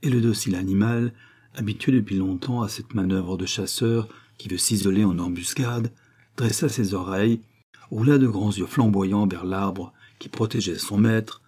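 A man reading a classic adventure novel aloud in measured, scripted storytelling narration. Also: lowish voice, warm tone, breathy edge. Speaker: audiobook narrator.

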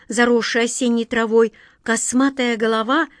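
A woman's voice: fairly high pitch, fairly even intonation, moderate pace, no echo, studio quality. A woman narrating a children's storybook with expression, doing voices for the characters. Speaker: audiobook narrator.

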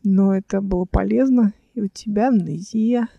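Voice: mid-range voice, normal speed, creaky, dark tone, no echo, dull audio. An audiobook reader voicing a cheeky young man pilot who talks playfully and teases his captain. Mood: teasing. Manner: playful, teasing.

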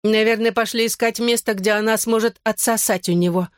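An audiobook reader voicing a spiteful, mocking teenage schoolgirl in a sneering, shrill voice. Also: very animated, brisk, a bit bright, no room sound, studio quality.

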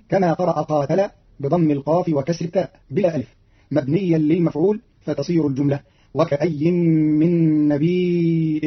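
A man's voice: on the high side, slightly rough. A man announcing and explaining readings in a formal, scripted radio narration. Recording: dull old radio recording.

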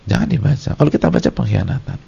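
A middle-aged man, an Islamic preacher giving a lecture to his congregation in a lively, storytelling way. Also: mid-range voice, racing. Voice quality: gravelly, husky. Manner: lively storytelling, acts out short scenes. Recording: dull lo-fi lecture recording.

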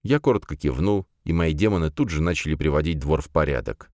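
A man reading a first-person fantasy audiobook in an even, measured way. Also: rumbling low, no echo, studio quality. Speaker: audiobook narrator.

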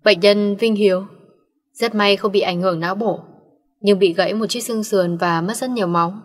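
A woman voicing a male hospital doctor who delivers news in a formal, measured way. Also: mid-range voice, fairly even intonation, natural voice. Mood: grave. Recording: long reverb.

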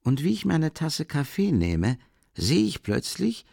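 Guy putting on a chatty worldly middle-aged man, voice pushed higher, gravelly edge, rambling on. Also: huge pitch swings, measured pace, darkish tone, dry recording, clean studio sound, heavily acted. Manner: raised, wondering, chatty voice. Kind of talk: audiobook character reading.

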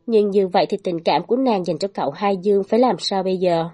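A woman narrating a dramatic folk story in a steady storytelling manner. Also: medium pitch, quick pace, soft background music.

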